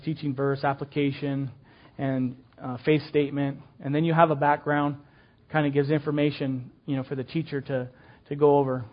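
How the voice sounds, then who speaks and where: A man's voice: a little high, highs cut off. An older man teaching a children's ministry class in a casual, folksy way, full of fillers and restarts.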